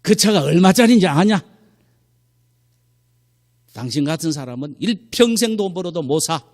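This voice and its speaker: A furious husband barks and scolds in a thick Gyeongsang accent, as a preacher puts him on, loud and pitched up high. His yelling rings out through a long reverberant hall. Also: expressive, moderate pace, breathy edge. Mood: furious scolding. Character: angry Gyeongsang husband shouting over a wrecked car.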